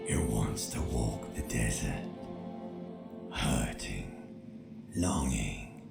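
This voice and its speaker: A bass-deep primal brain voice. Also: male voice, expressive, gravelly, full character voice. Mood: coaxing. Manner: slow, hushed, coaxing. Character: ancient primal male brain voice, seductive and bleak. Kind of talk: scripted video game narration. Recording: echoey game audio over music.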